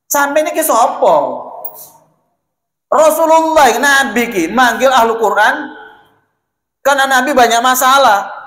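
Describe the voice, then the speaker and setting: A man preaching a lively, chatty sermon in a mosque, often addressing listeners directly. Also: very high-pitched. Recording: echoey mosque hall.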